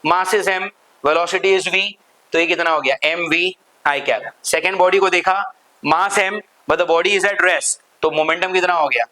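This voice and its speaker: A man leads a physics class, explaining each step and pausing to ask whether students are following. His voice sits a little high and rings bright and forceful. He slips English terms into his teaching and keeps checking in with the room. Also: poor audio. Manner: asks the class constant check questions, mixes Hindi with English terms. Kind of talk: classroom lecture.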